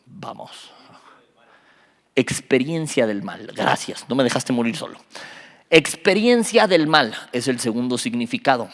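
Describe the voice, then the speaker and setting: A man, a youth pastor teaching a Bible study, animated and joking, quizzing his listeners. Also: mid-range voice, measured pace, pauses often. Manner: animated, quizzes the audience, jokes. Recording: reverberant hall.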